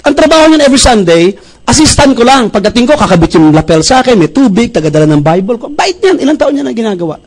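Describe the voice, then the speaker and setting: A middle-aged man from Bacolod in the Philippines, a pastor giving a motivational testimony speech, telling stories in a lively way and acting out the dialogue. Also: very high-pitched, fast talker, rough recording. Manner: animated storyteller who acts out dialogue.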